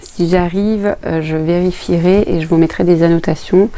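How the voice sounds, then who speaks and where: Low, gravelly woman chatting to camera. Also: fairly even intonation, normal speed, dark tone. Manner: chatty, explains each item plainly. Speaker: sewing vlogger. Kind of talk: casual unboxing chat to camera.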